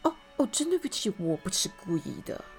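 Voiced by a woman, a kind, cheerful man from a children's storybook, flustered and apologizing. The voice bounces up and down lively, with soft music faintly behind. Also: mid-range voice, brisk, breathy edge. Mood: flustered apologetic. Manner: timid, apologetic. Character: friendly, polite cheerful man.

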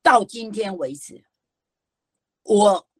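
An older woman from Taiwan with a Taiwanese Mandarin accent, giving a lively, folksy lecture as a storytelling educator, full of emphatic rhetorical questions. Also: mid-range voice, takes it slowly, no echo.

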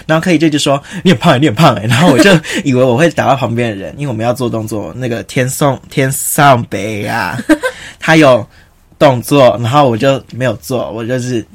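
Quick-talking teen podcast co-host. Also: medium pitch. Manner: quick, storytelling with asides. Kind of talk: casual chat.

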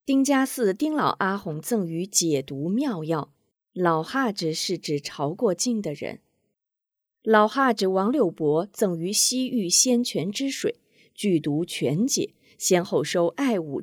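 A woman's voice: medium pitch, lively intonation, unhurried, dry recording, clean studio sound. A woman voicing an earnest middle-aged mother in a storybook tale, explaining things at length.

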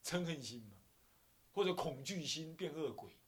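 Taiwanese mandarin accented man giving a buddhist lecture, high voice, swoops around a lot, chuckles. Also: normal speed. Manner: animated, acts out scenes, chuckles often. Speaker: Buddhist abbot teaching.

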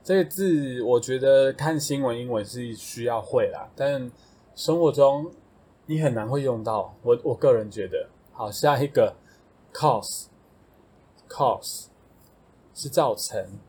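A man's voice: mid-range voice, a little slow, warm tone, slightly rough. A man with a Taiwanese Mandarin accent, casually explaining English vocabulary as a podcast host, thinking aloud with fillers and self-corrections.

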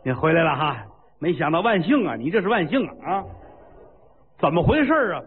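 A man voicing an old, fretful prime minister who talks in a drawn-out, exclaiming way. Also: fairly high pitch, sing-song, in a large hall, phone-quality sound, slight background noise.

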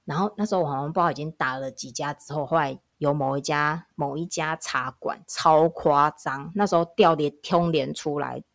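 A woman, a public health nurse telling work stories in a casual podcast chat, animated and emphatic. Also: low-pitched, a little fast, creaky, hardly any pauses.

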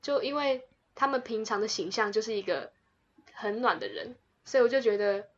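A woman's voice: fairly high pitch, lively intonation, a little fast, lo-fi sound. Young woman co-host, chatty storyteller with a slightly raised voice, laughs easily. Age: young adult. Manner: chatty and warm, with frequent laughs. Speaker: podcast co-host. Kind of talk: casual storytelling chat.

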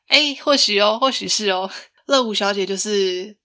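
A woman's voice: mid-range voice, expressive, a little slow, bright, forceful tone. A young woman hosting a podcast, telling a personal story in a chatty way, laughing often and asking listeners rhetorical questions. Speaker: podcast host.

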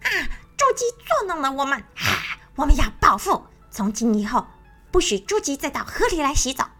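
A woman voicing a greedy, vengeful male caiman in a children's audio story, gruff and blustering. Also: high voice, very animated, fairly quick, bright, forceful tone, soft background music, exaggerated voice. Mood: furious. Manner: gruff muttering and bellowing.

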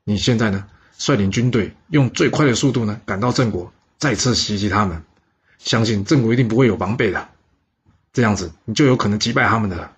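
A man voicing a cautious, scheming general who urges his brother in a persuasive manner, in a husky voice on a dull recording. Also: fairly low pitch, brisk. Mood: urging.

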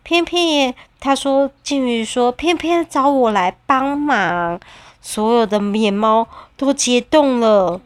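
A woman reading a storybook aloud to a child, lively and animated, with sound effects. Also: fairly high pitch, slow pace, no room sound.

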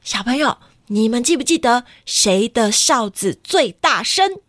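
A woman reads a picture book to children in a high, very animated voice, often stopping to ask them questions. Her pitch moves lively up and down. The sound is close and dry. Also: unhurried, no echo. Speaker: children's storyteller. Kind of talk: picture-book read-aloud for kids.

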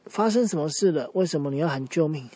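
A man voicing a brave, excitable male lion who leads a team of cats in a told children's story, speaking urgently in a raised voice. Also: a little high, fast talker, no room sound.

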